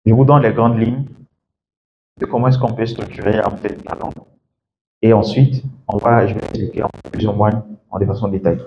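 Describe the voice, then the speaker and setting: A man's voice: fairly low pitch, steady tone, moderate pace, dull audio, a little hiss or hum. A man working as an English coach gives a classroom lecture, explaining step by step and often checking in with "d'accord?".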